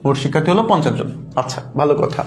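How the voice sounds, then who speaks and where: A man's voice: fairly high pitch, expressive, rapid-fire, a little hiss or hum. A man teaching an online math lesson, patient, repeating each step and quizzing the class, mixing in English words. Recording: echoey room with faint ambience.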